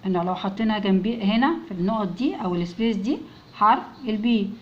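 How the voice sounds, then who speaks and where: A woman with an Egyptian Arabic accent teaching a children's English lesson, patiently repeating words slowly so the children can echo them. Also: medium pitch, animated, lo-fi sound.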